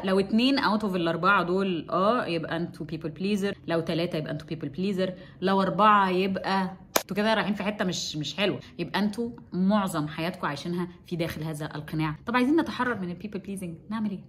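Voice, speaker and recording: Fast-talking Egyptian woman giving advice. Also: fairly low pitch, a little hiss or hum. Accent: Egyptian Arabic. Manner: rapid, conversational, acts out both sides of a dialogue. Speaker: self-help content creator. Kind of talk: casual advice talk to camera.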